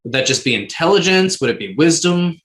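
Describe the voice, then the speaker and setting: A man's voice: fairly high pitch, very animated, a little fast, fairly bright tone. A man talking casually as a player in a tabletop role-playing game. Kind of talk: casual chat.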